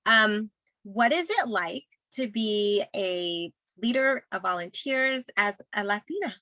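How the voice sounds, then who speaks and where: A woman's voice: mid-range voice, lively intonation, slow pace, bright, forceful tone, no room sound. A woman hosting a casual interview, affirming and enthusiastic with her guest. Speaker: host.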